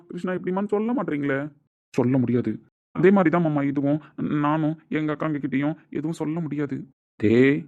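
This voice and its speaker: A man's voice: fairly high pitch, natural voice. A man playing the bickering men of a family. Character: men of a quarrelling family: scheming young husband, stern older brothers. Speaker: actor in family skit. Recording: dull lo-fi recording.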